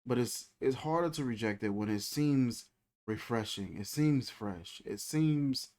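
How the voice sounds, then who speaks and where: A man in his thirties speaks unhurriedly on his faith channel, his medium-pitched, slightly mellow voice carrying lively intonation. The talk is reflective and chatty, full of repeated phrases and colloquial wording.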